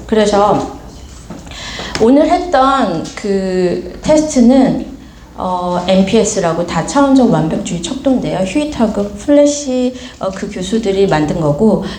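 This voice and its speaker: A woman speaks to a seminar audience in a loose, conversational way, putting questions to the room and playing out the voices of people who scold. Her voice is mellow and dark in tone. The room around her is echoey, with faint noise behind. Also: mid-range voice. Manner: lively, asks the audience questions, acts out quoted scolding. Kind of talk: informal seminar talk to an audience. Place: gallery studio seminar room.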